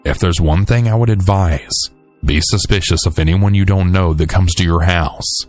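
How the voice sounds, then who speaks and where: A man reading a first-person horror account as a scripted narration, in a calm and measured way. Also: low-pitched, soft background music.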